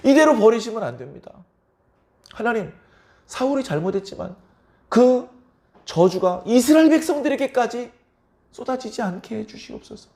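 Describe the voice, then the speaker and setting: A preacher voicing a pleading prophet in prayer. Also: male voice, very high voice, sing-song, normal speed, long pauses, darkish tone, voice pushed up, full character voice.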